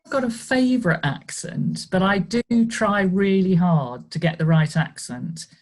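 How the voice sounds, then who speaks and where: A woman's voice: lowish voice, very animated, a little slow. An older woman, a guest on a video call, recalling her amateur acting days in a reflective, storytelling way. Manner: reflective storytelling, light laughs. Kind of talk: casual interview.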